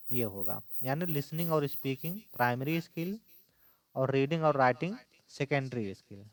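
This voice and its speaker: A man teaching an exam-prep lesson, explaining step by step and repeating key points. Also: mid-range voice.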